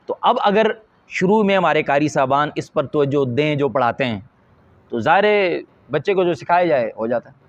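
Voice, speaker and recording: Man, Quran teacher, earnest explanatory tone, slightly high pitch, dull lo-fi audio. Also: animated. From Pakistan. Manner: earnest, explanatory, with slow deliberate emphasis. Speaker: Quran teacher and madrasa supervisor. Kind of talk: instructional talk to teachers.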